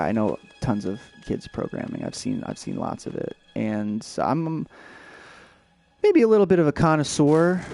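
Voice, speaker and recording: A man's voice: medium pitch, gravelly, dark tone, a little hiss or hum. Rambling young man streaming a game. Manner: rambling, many fillers and restarts. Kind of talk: casual let's-play chat.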